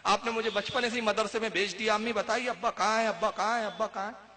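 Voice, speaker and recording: A bitter young male cleric makes demands and flares into anger, as a preacher acts him out. His voice sits high and sounds bright and forceful. Everything rings on in a big reverberant hall. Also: fairly even intonation, slight background noise. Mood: pleading.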